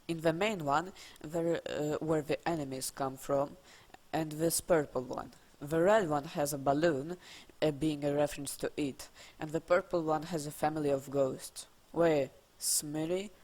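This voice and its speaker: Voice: mid-range voice, darkish tone. Russian-accented trivia video narrator. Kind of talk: scripted narration with casual asides.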